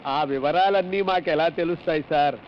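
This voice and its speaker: A man's voice: a little high, fairly quick, a little hiss or hum, close to an everyday voice. An actor playing a timid lodge worker who answers questions politely and hesitantly, calling the other man sir. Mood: meek. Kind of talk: film comedy acting. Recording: dull lo-fi film audio.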